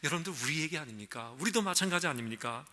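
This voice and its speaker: A man's voice: fairly high pitch, animated, quick pace, sharp tone. A male pastor preaching a sermon, earnest and full of rhetorical questions, weaving a story into his message. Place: church sanctuary.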